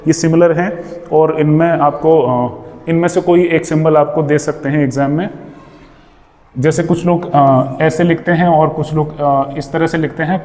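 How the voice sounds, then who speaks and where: A male English teacher with an Indian accent, switching between Hindi and English and repeating each word slowly several times. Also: a little high, warm tone, long reverb tail. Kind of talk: pronunciation lesson.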